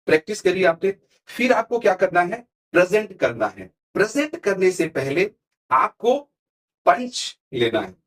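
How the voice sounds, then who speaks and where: Animated man giving punchy motivational advice. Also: sits high, unhurried. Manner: emphatic, animated, uses punchy examples. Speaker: motivational speaker, guest. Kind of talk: podcast interview, motivational talk.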